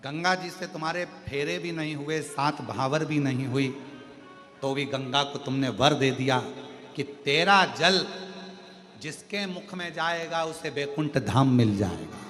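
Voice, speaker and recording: A man voicing a humbled male demon who pleads softly and imploringly for release. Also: unhurried, big-room sound, faint music behind. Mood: pleading. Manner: soft, low and imploring.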